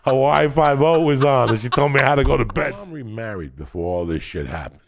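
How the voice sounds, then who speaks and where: A man's voice: medium pitch, expressive, brisk, gravelly, crowd noise. A middle-aged man, telling wild stories in casual, profane podcast chat, often breaking into laughter. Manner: profane, rambling, laughing storyteller.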